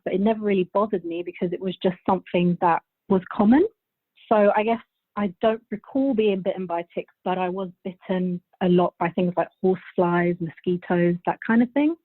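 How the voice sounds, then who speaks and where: A woman's voice: mid-range voice, no room sound. A woman in her thirties from Bulgaria, a podcast guest answering questions in a chatty, rambling way and laughing often. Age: 30s. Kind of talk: casual interview answers. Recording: thin phone-like line.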